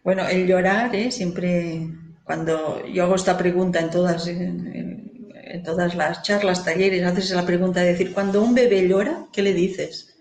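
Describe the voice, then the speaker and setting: An earnest woman, an author appearing as a guest, gives explanatory interview answers about grief in children, often tagging phrases with "¿no?". Her voice is on the low side and darkish, with fairly even intonation and normal speed. The recording has a roomy echo and faint noise.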